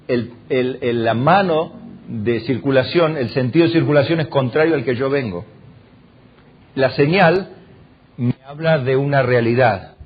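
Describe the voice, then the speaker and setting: Husky Argentine pastor preaching animatedly. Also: male voice, medium pitch, muffled recording. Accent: Argentine Spanish. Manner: animated preaching, acting out quoted lines, rhetorical questions. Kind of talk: sermon. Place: church hall.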